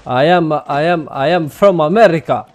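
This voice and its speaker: Loud joking young man. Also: a little high, moderate pace, slight background noise. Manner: loud, joking, teasing strangers. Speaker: gaming streamer. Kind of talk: live gameplay banter over voice chat. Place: small room indoors. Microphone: studio mic on arm, headset.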